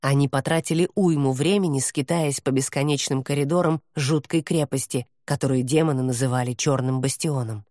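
A woman narrating a fantasy novel in a measured storytelling read. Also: rumbling low, steady tone, mellow, no room sound, clean studio sound. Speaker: audiobook narrator. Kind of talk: scripted narration.

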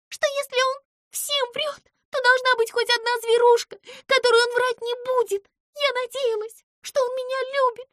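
Lady doing a tiny squeaky mouse gal, super shrill and bright, whines and wails all over the place. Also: no room sound, studio quality. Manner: squeaky, tearful, shrill outbursts. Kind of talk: audiobook character voice.

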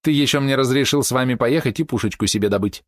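A man's voice: mid-range voice, fast talker, no echo, studio quality, pitched above the performer's own voice, close to an everyday voice. A man putting on a bubbly teasing fox girl. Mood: cheerful.

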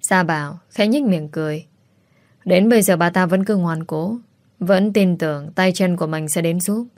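A woman narrating a romance story with a steady, even reading manner. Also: on the low side, no room sound, studio quality.

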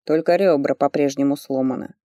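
A reader voicing a stern, commanding male investigator who gives curt, slow, deliberate orders, lower than the narration. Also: fairly even intonation, mellow, dry recording, studio quality, lightly acted. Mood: cool, probing. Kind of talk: audiobook character voice.

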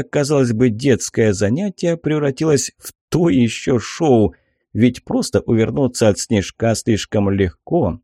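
A man narrates a first-person story in a mellow, warm voice that sits at an ordinary pitch. His reading is expressive, often jumping high on emphasized words. The recording is dry and close, with no room sound. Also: no room sound. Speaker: audiobook narrator.

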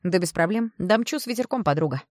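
A woman voicing a brash, loud-mouthed woman around forty who talks bluntly and teases. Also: lowish voice, expressive, quick pace, no echo, clean studio sound, pitched above the performer's own voice, lightly acted. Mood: teasing. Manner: blunt, boisterous, teasing.

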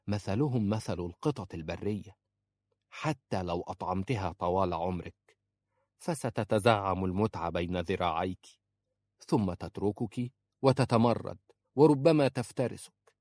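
A man voicing a sharp-tongued older woman who scolds and protects a young woman, with a sarcastic, blunt manner. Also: on the low side, expressive, normal speed, pauses often, no echo. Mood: scolding. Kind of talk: audiobook character voice.

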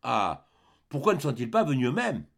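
A man's voice: medium pitch, sing-song, moderate pace, gravelly. A man voicing a frail, dying old man who speaks faintly and breathlessly in short, clipped phrases.

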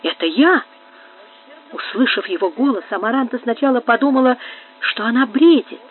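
Lady reading an old novel out loud, dramatic storytelling, thin phone-like sound. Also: fairly high pitch, a little fast. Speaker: audiobook reader. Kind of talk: audiobook narration of a period novel.

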